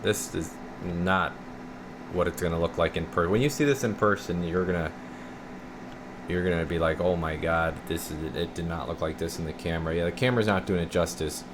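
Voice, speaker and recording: A deep-voiced male radio repair technician demonstrates a repair on camera in his indoor workshop, speaking briskly in a folksy, informal manner and addressing viewers as "guys." Clear, steady background room noise is audible.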